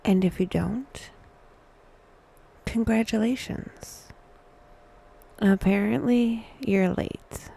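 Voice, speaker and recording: A woman's mid-range voice, breathy and frequently near a whisper, carries a scripted guided meditation with wry, dry delivery. She stretches out her words and pauses often.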